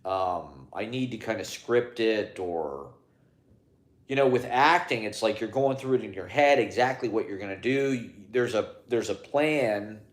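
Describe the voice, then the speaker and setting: A lowish-voiced man who clowns for a living speaks casually to his phone in a rambling, halting monologue, full of fillers and restarts, captured in a reverberant space.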